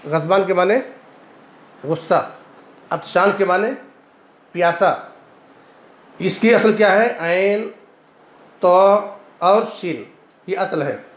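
A man teaching Arabic grammar in Hindi-Urdu with an Indian Urdu accent, a classroom lecture where he repeats each point and keeps checking in with "है ना", now and then clearing his throat. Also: high voice, slow, long pauses. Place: madrasa classroom. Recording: echoey room, dull lo-fi sound, faint hiss.

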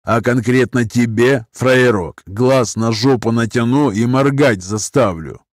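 A man voicing a huge scarred ex-convict who threatens slowly in criminal slang. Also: medium pitch, no echo, clean studio sound, natural voice. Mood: menacing. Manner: slow, menacing, criminal slang. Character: scarred hulking ex-convict, menacing.

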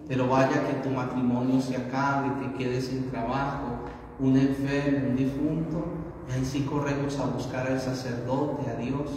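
Priest preaching in an echoey chapel. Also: male voice, medium pitch, level tone, measured pace, a little mellow, a little hiss or hum. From Colombia. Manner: preaching in lists, asks the congregation questions. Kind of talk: sermon at a baptism mass. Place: small chapel. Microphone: handheld mic, far camera. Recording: echoey chapel, voice heard from far off.

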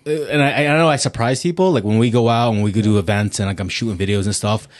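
A man's voice: lowish voice, fast talker. A man hosting a casual chat, laid-back, laughing often and repeating himself. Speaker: host.

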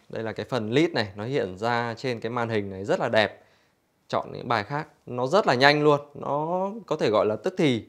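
Male store demonstrator, mid-pitched. Infomercial-style walkthrough, explanatory and conversational, speaking to customers. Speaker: product demonstrator for an audio store. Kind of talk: product demonstration, infomercial-like sales presentation.

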